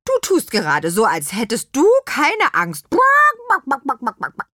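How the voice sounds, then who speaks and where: A woman's voice: very animated, measured pace, breathy edge, no echo, studio quality. A woman voicing a proud, easily offended hen who clucks between her words. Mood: indignant. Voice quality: high clucking voice.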